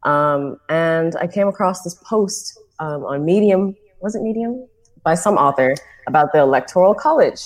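A woman's voice: lowish voice, lively intonation, moderate pace. A Bahamian woman in her late twenties, a guest on a podcast, talking in a friendly, thoughtful way with easy laughter. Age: 20s. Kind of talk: casual podcast interview.

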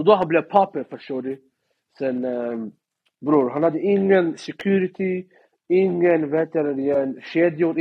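A man's voice: on the high side, slightly rough, highs cut off. A young man from Sweden with a Swedish street-slang accent, telling a story in casual chat and acting out the people in it. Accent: Swedish suburban street slang. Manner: animated, slangy, mimics people in English. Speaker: guest storyteller.

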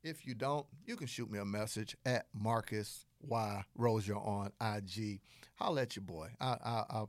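A man with a Southern accent hosting a solo business podcast, teaching in an energetic, playful way and acting out little dialogues. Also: fairly low pitch, moderate pace, dry recording. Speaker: podcast host.

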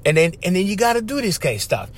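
A man with a Hawaiian Pidgin accent talks like an informal life coach. His voice sits a bit high and swings up and down a lot. He keeps checking in with the listener as he makes his points. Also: big pitch swings, fast talker. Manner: conversational, often checking in with "right?" and "okay?". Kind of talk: informal motivational talk to viewers.

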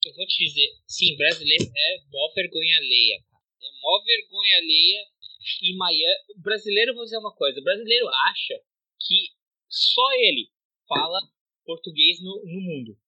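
A woman's voice: on the low side, moderate pace, pushed and bright, no room sound, lo-fi sound. Blunt, mocking woman podcaster. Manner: blunt, mocking, swears freely. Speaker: podcast co-host. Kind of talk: casual podcast chat.

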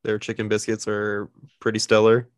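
A man in his twenties talks casually with friends in a relaxed, easygoing way. His voice is fairly low and recorded dry, with no echo. He swears offhandedly and often stops to think with an "uh.". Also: moderate pace. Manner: easygoing, profane, hesitant with "uh". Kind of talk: casual chat.

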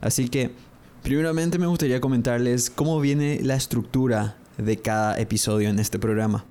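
A young man teaching English on a podcast, explaining phrases and slowly repeating each model pronunciation twice. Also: mid-range voice, fairly even intonation, warm tone. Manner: explanatory, addresses listeners directly. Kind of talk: podcast language lesson.

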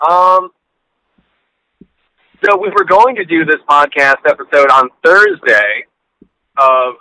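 Man on a bright speakerphone line. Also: a little high, a little hiss or hum, rough recording. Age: late 20s. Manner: rambling, halting restarts, casual swearing. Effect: on cell phone speakerphone. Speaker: podcast co-host. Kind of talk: casual chat. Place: in a car. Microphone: cell phone on speakerphone.

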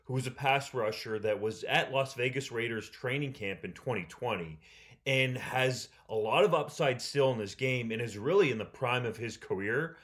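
Man, sports talk co-host, measured analysis, mid pitch. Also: a bit bright.

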